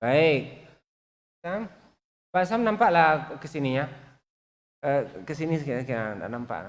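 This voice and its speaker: A man's voice: fairly high pitch, expressive, takes it slowly, pauses often. A man teaching Quran recitation, patiently repeating sounds for students to copy. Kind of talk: online recitation class. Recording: long reverb.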